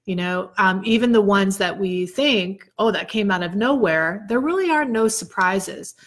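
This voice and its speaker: A woman's voice: medium pitch, expressive, normal speed. A woman co-hosting a podcast, talking in a chatty, teasing way. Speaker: podcast co-host. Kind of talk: casual chat.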